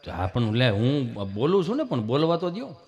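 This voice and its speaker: A man's voice: medium pitch, wildly swooping pitch, normal speed, a little mellow. A man with a Saurashtra Gujarati accent telling folk jokes live on stage at a microphone, chatty, slipping into quoted dialogue. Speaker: stand-up folk comedian. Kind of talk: live folk comedy storytelling. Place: large hall on stage. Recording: long reverb of a hall.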